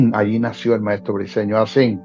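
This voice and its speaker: A man's voice: on the low side, fairly even intonation, unhurried, warm tone. A man, a Bible teacher talking as a guest in a preaching style, repeating phrases for emphasis. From Venezuela. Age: 60s. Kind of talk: preaching-style interview talk. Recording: dull lo-fi sound with faint music.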